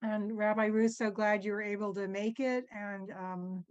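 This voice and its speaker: A woman's voice: mid-range voice, little pitch movement, moderate pace, dull audio. A woman leading a service, reciting blessings with casual, friendly asides. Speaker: service leader.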